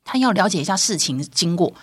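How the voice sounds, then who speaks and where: A woman, a podcast host telling a personal story in a lively, heated way and acting out the voices. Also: on the low side, brisk, husky, no room sound. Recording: dry studio mic.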